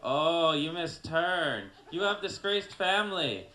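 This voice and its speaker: A man's voice: on the high side, lively intonation, extremely slow, bright, forceful tone, echoey room, voice pushed up, full character voice. A man voicing a stern navigation device that reels off over-precise directions and scolds the driver. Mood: scolding.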